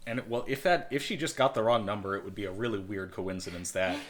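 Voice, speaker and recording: A man's voice: fairly low pitch, quick pace. A man co-hosting a casual movie-review podcast, rambling and sarcastic with lots of fillers. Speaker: podcast co-host.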